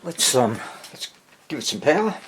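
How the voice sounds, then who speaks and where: Here a man's medium-pitched, fairly bright voice swings widely in pitch at a normal speed. Working hands-on as a vintage radio restorer, he gives casual, hesitant, self-mocking commentary while thinking aloud. Clicks and noise from the workshop fill the recording.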